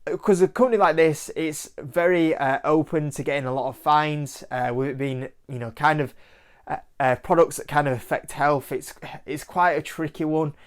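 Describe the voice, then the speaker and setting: A man from Yorkshire, England, with a Yorkshire accent hosts his own investing channel, talking to camera casually and loosely about stock picks. His voice is fairly high, steady, and smooth at a moderate pace, and his chatty style leans on "like" and "kind of."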